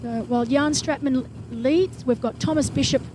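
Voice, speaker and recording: Live sports commentary on a triathlon comes from a woman whose voice is high and bright; she's brisk, enthusiastic and chatty with her asides. Clear engine and wind sounds from the race fill the background.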